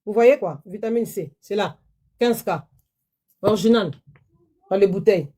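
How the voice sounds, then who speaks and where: A woman, hosting a live-stream sales pitch from her phone, chatty and repetitive, pleading with viewers. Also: moderate pace, mellow. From DR Congo.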